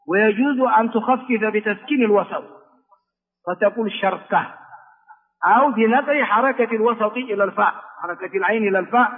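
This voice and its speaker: An older man, an Islamic scholar, teaching Arabic grammar in a lecture and slowly repeating each word form. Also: sits high. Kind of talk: classroom lecture on word forms. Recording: tinny phone-like lecture recording with long hall echo.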